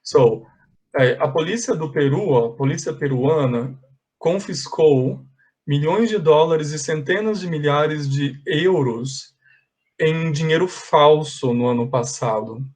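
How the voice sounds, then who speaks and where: A man's voice: a little high, slow, darkish tone. A man teaching an English class online, patiently correcting exercises step by step and slipping in English phrases.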